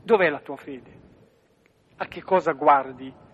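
A man sharing a personal reflection on a bible passage, pausing often with hesitant fillers. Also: on the high side, husky, lo-fi sound. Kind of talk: spoken reflection on scripture.

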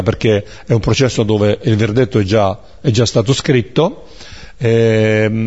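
A man leading a Bible study, reading scripture aloud and explaining it in a measured way, pausing often to search for words. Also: mid-range voice, a little mellow, husky. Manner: measured, searching for words with many fillers and restarts. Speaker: Bible teacher. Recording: dull, lo-fi recording.

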